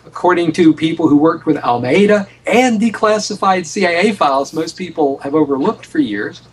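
A man's voice: fairly high pitch, lively intonation, normal speed, slightly rough, recorded from a distance, low-quality recording. An American man telling a story as an interview guest, emphatic, often repeating and restarting his phrases. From United States. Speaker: guest author on a radio show.

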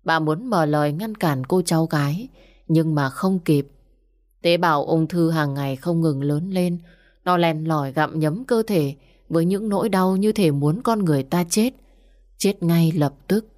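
A woman narrating a story in a steady, measured way. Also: low voice.

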